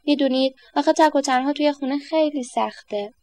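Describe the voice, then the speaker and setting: A woman voicing a kind, patient retired old professor in a storybook reading, speaking calmly. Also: sits high, dry recording, lightly acted. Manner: calm, patient.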